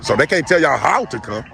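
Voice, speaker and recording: A man's voice: mid-range voice, creaky, sharp tone, slight background noise. A man filming officers outdoors, talking casually and informally, often repeating himself and laughing in disbelief. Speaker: citizen journalist filming an arrest. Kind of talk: casual confrontational talk with officers. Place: outdoors on a street.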